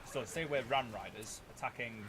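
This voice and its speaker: A male gaming host commentates a strategy match at a middling pitch. His delivery is playfully theatrical, full of orders to his units and mock threats, with clear battle noise from the game behind him. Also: moderate pace.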